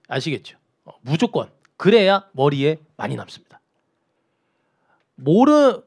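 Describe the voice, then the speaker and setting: A man teaching Korean history for civil service exams. He asks his students questions, answers them himself and repeats key terms to drive them home. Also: high-pitched. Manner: often checks in with "you get it?". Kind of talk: exam-prep lecture.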